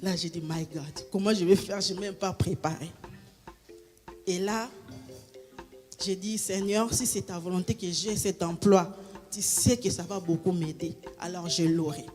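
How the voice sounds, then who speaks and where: A woman's voice: lowish voice, fairly even intonation, a little slow, darkish tone, soft background music. A woman, giving a spoken testimony with hesitant restarts and a raised voice when she acts out dialogue. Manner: hesitant, repeats words and restarts often. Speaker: church member giving a testimony.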